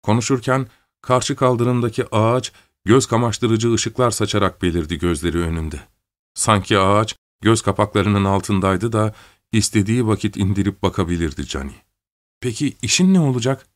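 A man narrating a story aloud in a measured, steady reading voice. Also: fairly low pitch, no echo, clean studio sound. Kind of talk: scripted audiobook narration.

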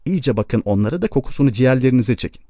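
A man reading a blunt, gruff young farmhand. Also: mid-range voice, expressive, very fast, warm tone, no echo, highs cut off, natural voice. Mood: hungry, impatient.

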